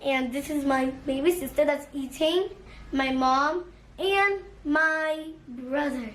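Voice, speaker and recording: A woman's voice: high-pitched, slow. A young girl introducing herself and a song in an earnest, careful way. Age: child speaker. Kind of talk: show-and-tell with a song.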